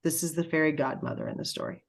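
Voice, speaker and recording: Low-voiced woman medium giving a reading. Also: huge pitch swings, creaky. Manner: halting, emotional, many fillers and pauses. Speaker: spiritual medium. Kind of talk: spiritual reading session.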